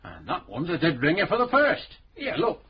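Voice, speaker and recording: An actor playing a blunt, talkative older police sergeant in a radio crime drama. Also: male voice, fairly high pitch, huge pitch swings, moderate pace, a bit bright, a little hiss or hum. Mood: gossipy.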